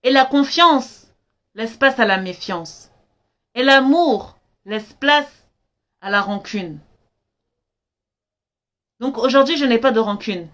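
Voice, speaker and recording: Young female life coach, live stream, earnest and emphatic delivery, slightly high pitch. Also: expressive, slow, pauses often, a bit bright. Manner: earnest, emphatic, acts out her parents' lines in dialogue.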